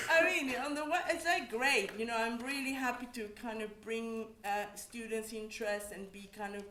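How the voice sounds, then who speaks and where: This panelist, a Mexican academic, shares her own experience reflectively, faltering and beginning again frequently. She has a fairly bright voice on the high side with fairly even intonation. Slight background noise mixes with the echo of the room.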